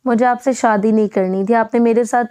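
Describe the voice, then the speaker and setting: A woman's voice: a little high, steady tone, mellow, smooth, dry recording, clean studio sound, close to an everyday voice. A woman reading the lines of a pouting, tearful teenage bride who complains to her husband. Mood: sulky.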